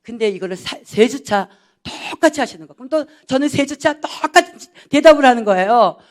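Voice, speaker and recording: A pastor's wife giving a personal testimony, telling her story in a lively way and acting out the dialogue. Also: fairly high pitch, brisk. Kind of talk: personal testimony to a church audience.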